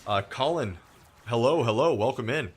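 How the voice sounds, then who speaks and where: A man's voice: mid-range voice, lively intonation, normal speed, breathy edge. A young man hosting a gaming stream, telling rambling stories in casual chat and acting out the voices of the people he quotes. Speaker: streamer host.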